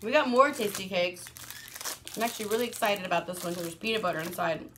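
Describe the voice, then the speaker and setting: A woman and mother vlogging a casual product review, chatty and excitable, laughing often. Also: medium pitch, fast, a little hiss or hum.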